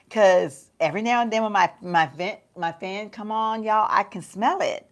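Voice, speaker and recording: A woman's voice: mid-range voice, measured pace. A middle-aged woman chatting casually on a get-ready-with-me livestream, calling her viewers y'all and laughing often as she talks through her makeup. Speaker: beauty vlogger. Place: home.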